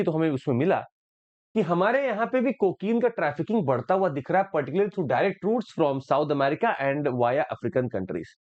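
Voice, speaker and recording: A man's voice: on the high side, muffled recording. A man with an Indian accent explaining the daily news to exam students, switching between Hindi and English and repeating key points. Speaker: current affairs teacher. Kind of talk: exam-prep news analysis lesson.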